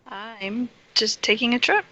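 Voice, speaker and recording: A woman's voice: fairly high pitch, expressive, measured pace, pushed and bright. A woman playing a tabletop game, answering in a friendly, brief way. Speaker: player. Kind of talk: casual tabletop game talk.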